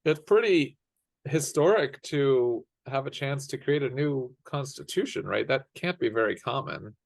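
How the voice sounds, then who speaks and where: A man's voice: mid-range voice, lively intonation, unhurried, vocal fry, no echo. A man making brief, dry remarks in a casual discussion. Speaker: participant.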